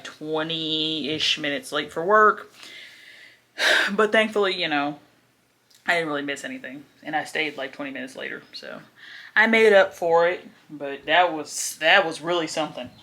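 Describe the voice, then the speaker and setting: A woman's voice: low-pitched, normal speed, sharp tone. A young woman, chatting casually to her camera at home, laughing often and sometimes dropping to a whisper. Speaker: vlogger.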